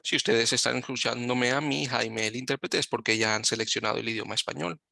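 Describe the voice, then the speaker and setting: A man giving live Spanish interpretation of a webinar over a video call, talking in halting phrases and often correcting himself mid-sentence. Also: medium pitch, gravelly, sharp tone, dry recording, clean studio sound. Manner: halting, with frequent self-corrections.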